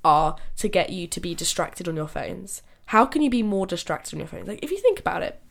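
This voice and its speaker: Her voice sits low but swings widely in pitch, with a brisk, gravelly delivery. She's a young podcast host speaking solo and informally while ill, so she sounds nasal, and she keeps laughing and restarting her sentences.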